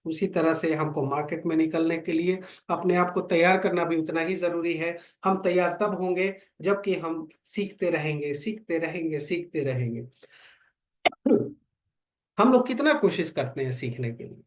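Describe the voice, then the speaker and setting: Male business trainer with a high voice, preachy, rhetorical, addressing a small group. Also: normal speed. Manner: preachy, asks rhetorical questions, repeats phrases. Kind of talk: motivational training talk. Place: meeting room with fifteen to twenty people.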